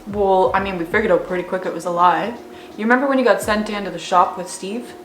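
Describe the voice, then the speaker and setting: A woman's voice: mid-range voice, fast talker, natural voice. A woman playing both parts of a re-enacted conversation, here voicing a blunt, careless male construction coworker. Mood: gossipy. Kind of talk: acted dialogue re-enactment. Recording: roomy echo, faint music.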